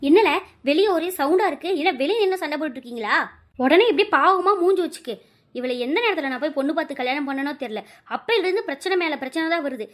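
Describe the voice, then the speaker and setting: A bossy middle-aged mother-in-law in a cartoon, voiced by a woman, scolding and complaining without pause. Her voice sits high and her words tumble out quickly. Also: lively intonation, fairly bright tone. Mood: indignant. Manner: nagging, indignant complaining.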